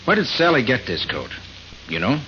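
An actor playing a wry, skeptical private detective in an old American radio drama, with clipped, dry questioning. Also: male voice, medium pitch, very animated, moderate pace, bright, forceful tone. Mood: probing. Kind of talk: mid-century American radio drama acting. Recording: muffled, noisy vintage radio recording.

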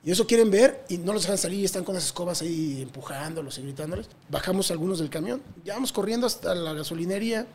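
Fast-talking high-voiced Mexican man. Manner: animated, slangy, swears freely. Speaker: touring musician guest. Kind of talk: casual storytelling interview.

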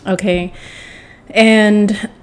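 A young woman tells a personal story to the camera in a casual storytime monologue, dramatic and animated. She rambles, corrects herself mid-sentence and keeps restarting her thoughts. She clears her throat often as she goes. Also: medium pitch, extremely slow. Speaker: vlogger telling a personal story.

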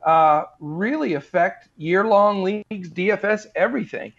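A man's voice: high-pitched, a little slow, vocal fry, lo-fi sound. A man giving fantasy basketball advice as a podcast guest, talking earnestly and repeating himself with lots of fillers. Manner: earnest, repetitive, full of fillers. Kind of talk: casual interview advice.

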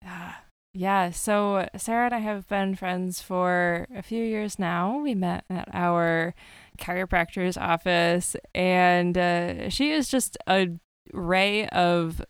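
A woman hosts a casual podcast interview, her voice smooth and a little low. She rambles and restarts her sentences, filling pauses with ums. The sound is close and dry, with no room echo. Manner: warm, rambling, many fillers and restarts. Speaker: podcast host.

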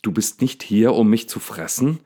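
A man reading a storybook, voicing an agitated young man shouting indignantly at a lion. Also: lowish voice, animated, measured pace, voice pushed up. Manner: angry, indignant outbursts. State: slightly hysterical.

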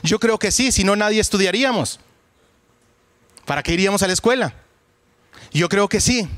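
A man's voice: high voice, animated, normal speed, fairly bright tone. A man, a pastor leading a Bible study in a conversational sermon style, speaking directly to his listeners.

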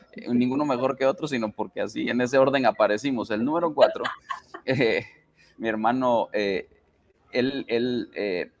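Gravelly man telling a family story. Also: medium pitch, slight background noise. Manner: halting storyteller with many fillers. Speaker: panel guest. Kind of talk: personal testimony.

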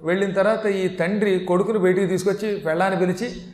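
A man telling a devotional story as a sermon and giving moral advice, slowly chanting verses along the way. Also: high voice, steady tone, darkish tone, reverberant. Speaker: religious discourse speaker.

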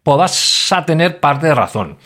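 A man's voice: fairly high pitch, sing-song, a little slow, bright, forceful tone. A man from Spain with a Spain Spanish accent, hosting a solo podcast in an exasperated, swearing rant. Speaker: podcast host.

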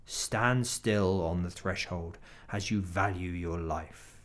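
A man's voice: deep voice, takes it slowly, a bit bright, voice pushed down. A man voicing a huge, menacing grey wolf who growls his words in a storybook reading. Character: huge menacing grey wolf, male, secret police chief.

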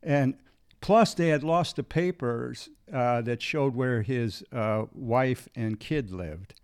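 Man, podcast co-host, casual reminiscing, relaxed storyteller, dry close sound. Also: mid-range voice, takes it slowly, clean tone, no echo. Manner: relaxed storyteller, frequent "right" and "uh".

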